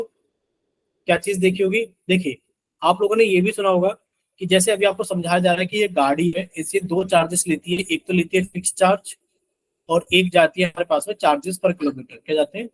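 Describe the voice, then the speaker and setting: A man's voice: high voice, steady tone, normal speed, fairly bright tone, poor audio. A man teaching a live online math class, explaining step by step and often checking whether the students have understood. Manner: explains step by step, keeps asking students if it is clear.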